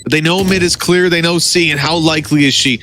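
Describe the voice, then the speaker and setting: A man with a slightly high voice casts an esports match live, mixing action calls with analysis. Game noise is clearly heard behind his commentary. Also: steady tone, fast. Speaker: esports caster.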